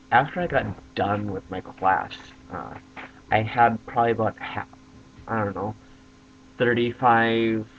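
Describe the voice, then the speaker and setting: Young man telling a story to a camera. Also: lowish voice. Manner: animated storyteller, squeals when excited. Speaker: vlogger. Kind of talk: casual storytelling vlog. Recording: dull lo-fi webcam audio.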